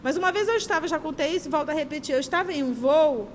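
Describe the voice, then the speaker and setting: A woman leads a spiritist study group, teaching emphatically with lively personal anecdotes. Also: high voice, quick pace, big-room sound, a little hiss or hum. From Manaus, Brazil. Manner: animated, emphatic, storytelling.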